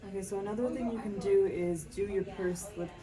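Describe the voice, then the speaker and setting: A woman's voice: medium pitch, steady tone, brisk, echoey room, far from the mic, crowd noise. A woman working as a home health therapist, guiding a patient through exercises with patient, encouraging instructions and frequent fillers. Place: home kitchen and pantry.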